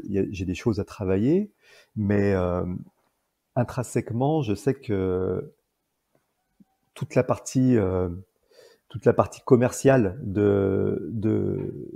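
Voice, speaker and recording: A man in his forties with a low, gravelly voice and a dark, mellow tone. He talks casually as a podcast guest, stopping often with fillers and restarting his sentences. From France. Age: 40s. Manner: hesitant, many fillers and restarts. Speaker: guest entrepreneur.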